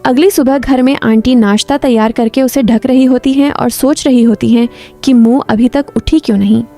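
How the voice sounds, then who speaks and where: Higher, mellow-voiced woman narrating a story. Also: steady tone, moderate pace, soft background music. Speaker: drama recap narrator.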